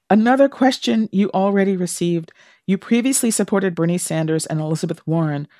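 A woman's voice: medium pitch, moderate pace, mellow, no room sound. A woman hosting a radio interview, explaining and asking questions in a broadcast style on a close studio mic.

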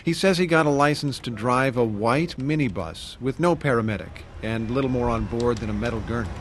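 American male radio reporter, measured narration. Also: mid-range voice, a little hiss or hum. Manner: measured, short deliberate sentences. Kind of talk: scripted documentary news narration.

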